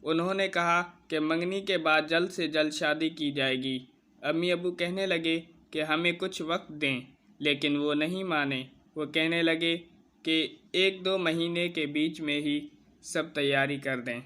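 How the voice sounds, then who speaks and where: Male narrator, bright and somewhat high, earnest first-person storytelling. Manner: steady, earnest retelling of a personal account.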